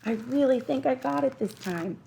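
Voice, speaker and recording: A woman doing an excited breathless young boy. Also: high voice, normal speed, vocal fry, a little hiss or hum, pitched above the performer's own voice. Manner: breathless, urgent calling.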